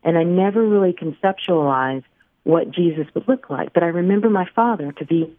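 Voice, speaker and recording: A woman from Barbados calls in to a radio talk show and speaks in a thoughtful, measured way. Her voice sits low for a woman. It comes through a tinny, narrow phone line. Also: no echo. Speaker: caller.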